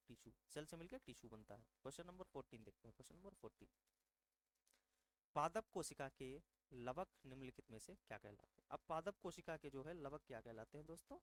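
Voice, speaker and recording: Fairly high-voiced teacher drilling exam answers. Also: male voice, rough recording. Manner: repetitive, quizzing the viewers and answering himself; drills facts with reminders to memorise them. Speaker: exam-prep science teacher. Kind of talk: online exam-prep lesson.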